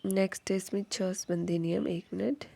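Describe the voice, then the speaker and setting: A woman's voice: medium pitch, steady tone, normal speed, vocal fry, dark tone, no room sound. A woman teacher explaining grammar rules step by step, asking the class questions and answering them herself. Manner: repeats each rule as a question, then answers it. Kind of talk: Hindi grammar lesson.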